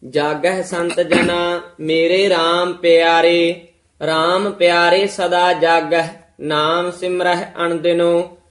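A man reciting scripture in a steady, measured chant as a student. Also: sits high, echoey room.

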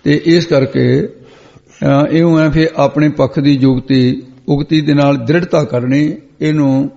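Male preacher, dark mellow voice, word-by-word scripture sermon, lo-fi hall recording. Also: a little high, steady tone, measured pace, vocal fry. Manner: glosses each word, repeats phrases, corrects pronunciation. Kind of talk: line-by-line scripture exposition sermon. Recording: dull lo-fi sound with long hall reverb.

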